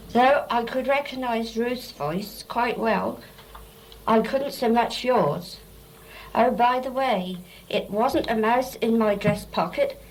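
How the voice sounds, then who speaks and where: A woman's voice: a little high, poor audio. An older woman, giving a plain-spoken, heartfelt message to relatives on tape. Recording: amateur tape with faint noise.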